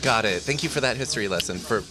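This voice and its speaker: A man hosting a podcast interview, curious and playful, swearing casually in relaxed chat. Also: on the low side, fast, music in the background. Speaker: podcast host.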